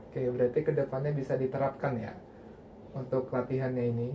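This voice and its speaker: A man's voice: medium pitch, little pitch movement, brisk, muffled recording. A young man facilitating a group counselling session with casual, conversational guidance. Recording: faint background noise.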